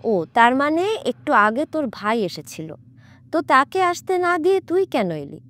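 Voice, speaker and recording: A woman voicing a calm, commanding male exorcist in a horror audiobook, stern and mocking as he questions a spirit. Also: high voice, measured pace, heavily acted. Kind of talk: audiobook character voice.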